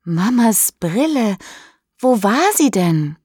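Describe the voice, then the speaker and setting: Woman voicing a shrill, emotional teenage girl. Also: very animated, takes it slowly, slightly rough, no echo, clean studio sound, full character voice. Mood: indignant. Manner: cries out high and loud.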